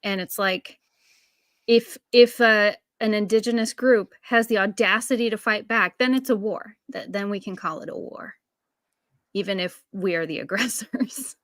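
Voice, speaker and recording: A woman's voice: medium pitch, normal speed, fairly bright tone, no room sound. Earnest woman in dry close sound. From Los Angeles, United States. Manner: earnest, laughs through pointed remarks. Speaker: book club member. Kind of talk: casual discussion.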